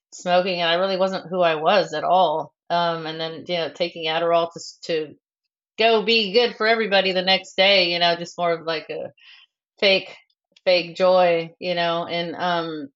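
Low, flat-voiced middle-aged woman. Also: dull audio. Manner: frank, halting, many fillers. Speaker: bereaved mother interviewee. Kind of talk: candid personal interview.

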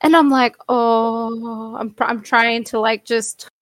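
Brief: woman podcast co-host, a touch high-pitched, dry close sound, lively foul-mouthed storyteller. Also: slow, no room sound. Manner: animated, swears freely, acts out quotes. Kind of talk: casual storytelling chat.

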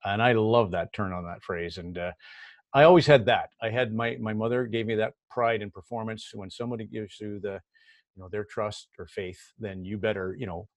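Brief: middle-aged Canadian man, low voice, dry close recording, casual anecdotal interview talk with stop-start restarts. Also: no echo. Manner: conversational, repeats words when starting a thought. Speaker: hockey broadcaster guest.

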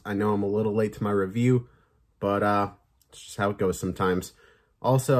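A podcast host reviewing films and shows, this man has a somewhat low voice with a slight rasp from a sore throat. He chats loosely and easygoingly, with plenty of fillers and the occasional curse.

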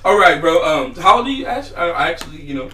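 A man hosts a loose, rambling chat, his tone bright and lifted. He sits well back from the mic in a roomy, echoing space. A faint hiss runs underneath. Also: fairly high pitch, big pitch swings, quick pace, distant mic. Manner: laid-back, rambling, laughs often. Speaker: podcast host. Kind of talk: casual chat.

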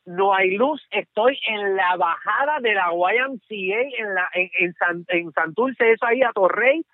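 A Puerto Rican man calling into a show, telling a story in an animated way and repeating "te lo juro" and "¿ok?". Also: sits high, a little slow, no room sound. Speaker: caller. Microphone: phone. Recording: tinny dry phone line.

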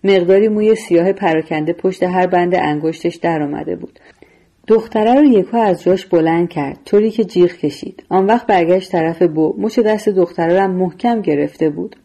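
A woman narrating a novel in a steady, measured reading voice. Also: lowish voice. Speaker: audiobook narrator. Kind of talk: scripted storytelling narration.

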